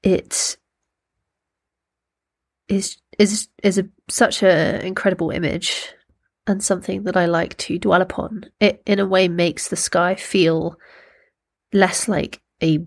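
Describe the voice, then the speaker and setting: Slow-paced, thoughtful woman in a lower register. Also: fairly even intonation. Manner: gentle, unhurried, thoughtful, pausing to find words. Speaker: poetry workshop host. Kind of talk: reflective talk with slow poetry readings.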